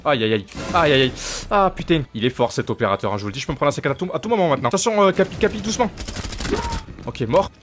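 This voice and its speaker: Fast-talking excitable gaming streamer man. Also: on the high side, a little hiss or hum. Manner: excitable, swears freely, bursts into shouting; addresses viewers as "les gars". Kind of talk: live gameplay commentary with teammates.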